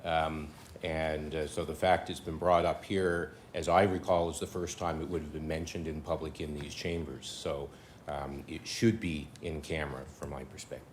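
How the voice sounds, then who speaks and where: A man's voice: extremely low pitch, little pitch movement, normal speed, slight background noise. A man acting as town solicitor, giving careful, cautionary legal advice to council.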